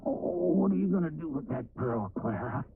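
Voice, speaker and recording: A defiant villain from a TV fantasy drama, folksy and aggrieved. His voice is high and gravelly, swinging widely in pitch, heard through a tinny old broadcast recording. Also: expressive, normal speed, soft background music, full character voice. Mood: bitter.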